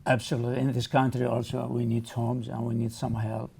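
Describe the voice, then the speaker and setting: A man's voice: mid-range voice, little pitch movement, a little fast, creaky, warm tone, husky. A man hosting a studio talk show, prompting guests to speak up. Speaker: TV show host.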